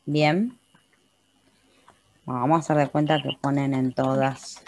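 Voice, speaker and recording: Gravelly-voiced Argentine woman teaching software. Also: rumbling low, steady tone, measured pace. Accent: Argentine Spanish. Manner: patient, checks in with frequent "¿sí?". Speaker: computer class teacher. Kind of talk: step-by-step software tutorial. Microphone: computer mic in a webinar.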